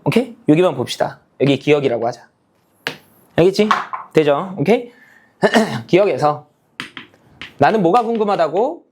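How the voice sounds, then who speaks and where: A man's voice: sits high, darkish tone. A male math teacher giving a casual classroom lecture, checking in with students again and again with a rising "okay?" and "got it?". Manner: casual, talks down to students' level.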